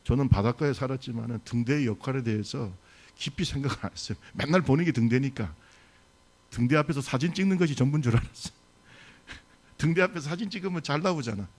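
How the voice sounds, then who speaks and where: Gravelly-voiced pastor preaching a sermon. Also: male voice, medium pitch, quick pace. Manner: animated storytelling, quizzing the congregation. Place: church service.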